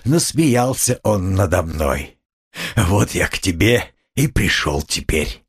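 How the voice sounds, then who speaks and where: A man's voice: low-pitched, animated, slow, breathy edge, voice pushed down, exaggerated voice. A man doing a brooding tormented young man. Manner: brooding, irritable, dark confessional. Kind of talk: audiobook character reading.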